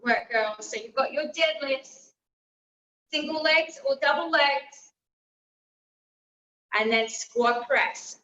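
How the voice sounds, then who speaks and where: A woman's voice: high voice, takes it slowly, long pauses, sharp tone. A woman leading a group workout as fitness instructor, giving encouraging cues and instructions. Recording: roomy, distant mic, slightly dull.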